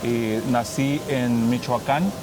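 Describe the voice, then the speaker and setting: Brief: young Mexican priest as a guest, hesitant and restarting, mid-range voice, noisy background. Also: male voice, mid-range voice, fairly even intonation. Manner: halting, many restarts and fillers. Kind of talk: interview guest, personal testimony.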